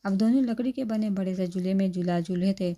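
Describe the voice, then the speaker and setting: A woman's voice: medium pitch, dark tone. A woman narrator steadily reading a romance novel aloud.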